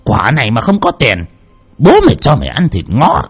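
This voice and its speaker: A man's voice: mid-range voice, wildly swooping pitch, normal speed, breathy edge, soft background music. A man voicing an irritable old male shop owner who nags and scolds. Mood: scolding. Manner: nagging, scolding.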